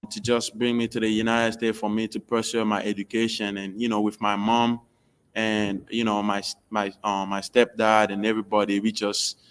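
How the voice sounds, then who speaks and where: A man's voice: lowish voice, monotone, moderate pace, clear, resonant tone. A young man from Benin with a Beninese accent, telling his story casually in an interview, in informal non-native English. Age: young adult. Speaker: basketball recruit being interviewed.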